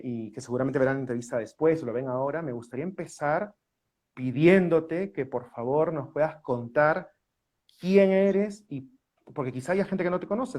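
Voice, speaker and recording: A man's voice: fairly high pitch, darkish tone. Peruvian man, host of a live video-call interview, eager and welcoming. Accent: Peruvian Spanish. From Peru. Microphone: phone or webcam on a video call.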